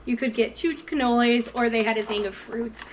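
A woman's voice: on the high side, steady tone, moderate pace, a little hiss or hum. A mother in her thirties chatting casually and enthusiastically to viewers in her home kitchen as she unpacks groceries. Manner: upbeat, enthusiastic, talks straight to viewers. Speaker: vlogger, mother.

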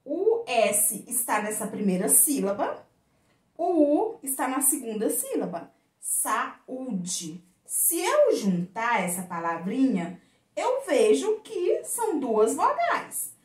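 Woman teacher, Brazilian Portuguese accent, slow, lively sing-song pitch, higher voice, echoey room. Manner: slow, stretched words with sing-song emphasis. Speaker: primary school teacher. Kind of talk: video lesson for children.

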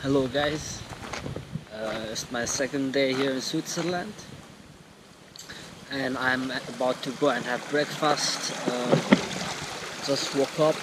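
A man's voice: mid-range voice, slow pace, pauses often. A young man from Nepal talking casually to an action camera he holds at arm's length while walking around a mountain valley, with lots of fillers and restarts. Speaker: travel vlogger. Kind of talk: casual vlog. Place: outdoors in a mountain valley and a small shop. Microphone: action camera held at arm's length. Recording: outdoor camera mic with loud background noise.

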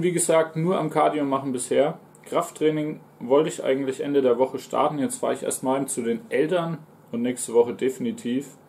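Mellow young German man chatting casually. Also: mid-range voice, vocal fry. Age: 20s. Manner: talks between mouthfuls, reading out and answering chat. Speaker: streamer and mukbang host. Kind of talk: casual livestream chat while eating. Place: small living room, indoors on a sofa.

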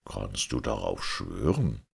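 A man voicing a stern, just caliph in a fairy-tale reading, speaking low and measured. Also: very animated, vocal fry, slightly rough, exaggerated voice. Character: stern, just male caliph, grave authority.

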